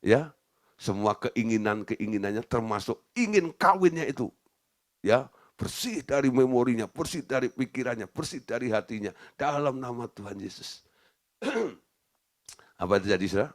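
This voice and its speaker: A man's voice: mid-range voice, expressive, normal speed. A male preacher giving a conversational sermon, telling stories and asking his listeners questions. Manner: chatty, storytelling, asks the audience questions.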